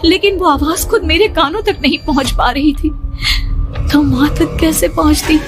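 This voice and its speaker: A woman's voice: sits high, moderate pace. A young adult woman narrating a horror story in the first person, in a dramatic, fearful manner. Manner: dramatic, fearful, rising to screams. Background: background music.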